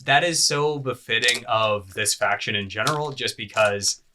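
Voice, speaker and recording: A man explains tabletop hobby details in an earnest, casual way. His voice sounds bright and forceful, and his pitch sits in the middle range. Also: normal speed, a little hiss or hum. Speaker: co-host, hobby expert.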